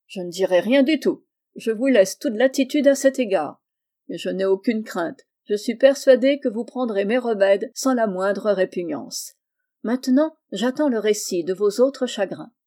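A woman reading the part of a kindly middle-aged uncle and doctor, speaking in a gentle, reassuring way. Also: medium pitch, normal speed, natural voice. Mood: tender.

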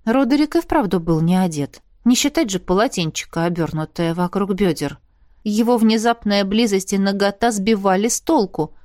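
A woman's voice: mid-range voice, normal speed, no room sound. Woman narrating a novel, dry close sound. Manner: even, steady storytelling reading. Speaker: audiobook narrator. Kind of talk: scripted first-person novel narration.

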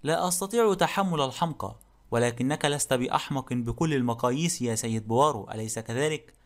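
A man voicing a burly, short-tempered middle-aged man who talks bluntly and gruffly in an audiobook. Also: medium pitch, fast talker, natural voice. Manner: gruff and blunt, barking insults. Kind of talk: audiobook character reading.

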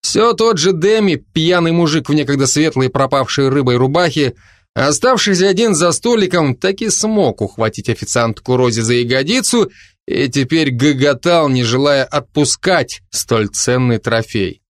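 Guy reading a fantasy audiobook, dry close sound, steady storytelling. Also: a little high, moderate pace, dry recording. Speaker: narrator. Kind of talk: audiobook narration.

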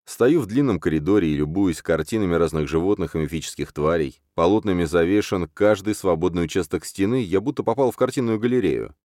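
A man's voice: low-pitched, expressive, quick pace, few pauses, a little mellow, no room sound, clean studio sound. A man narrating a first-person audiobook in a sardonic, crude and brash manner.

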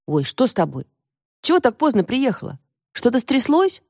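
A woman's voice: fairly high pitch, huge pitch swings, moderate pace, darkish tone, no echo, studio quality, pitched above the performer's own voice, full character voice. A woman doing a wry, teasing teenage girl. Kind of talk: audiobook character voice.

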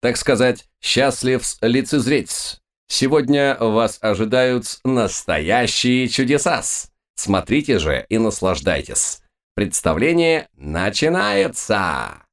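A man's voice: medium pitch, big pitch swings, slow, pitched above the performer's own voice. A man doing a pompous stage magician. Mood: grandiose. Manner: pompous, archaic polite flourishes. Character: pompous skinny stage magician, grandiose, old-fashioned. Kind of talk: audiobook character voice.

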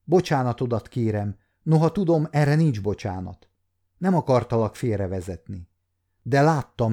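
A man's voice: mid-range voice, mellow, lightly acted. A man in his fifties voicing a wounded young nobleman who speaks earnestly and pleadingly. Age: 50s.

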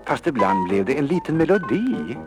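Expressive male children's storyteller. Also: medium pitch. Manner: lively, expressive, drops into whispers. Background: instrumental music.

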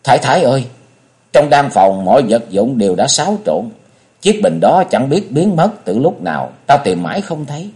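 A man's voice: mid-range voice, sing-song, a little mellow, lightly acted. A man voicing a loyal, worried middle-aged woman servant in a storybook reading. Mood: anxious. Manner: hurried, worried.

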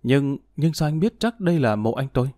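A man's voice: medium pitch, lively intonation, fast, a little mellow, dry recording, lightly acted. A man voicing a grieving middle-aged woman, tearful and pleading. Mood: anxious.

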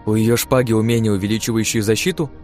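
A man's voice: fairly low pitch, fairly even intonation, fast talker, darkish tone, soft background music, pitched above the performer's own voice, lightly acted. A man voicing a seasoned, envious young woman warrior who grumbles and teases in an audiobook. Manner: teasing, grumbling, blunt. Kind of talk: audiobook character voice.

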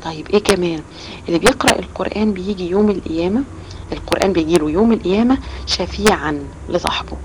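Fast-talking Egyptian woman teaching children. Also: on the low side. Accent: Egyptian Arabic. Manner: explains with many rhetorical questions. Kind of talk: storytelling lesson for children. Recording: loud background noise with clicks.

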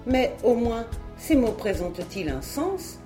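A woman's voice: a little high, sing-song, unhurried, over music, pitched above the performer's own voice. A woman reading the lines of an eager, gracious young noblewoman in an audiobook.

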